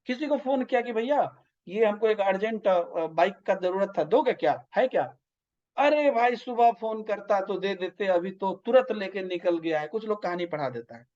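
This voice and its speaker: A man's voice: sits high, lively intonation, normal speed, a little mellow. A man with an eastern Hindi-belt accent teaching an online exam-prep lecture, explaining with everyday examples and often checking in with his listeners. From north India. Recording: slightly dull lo-fi audio.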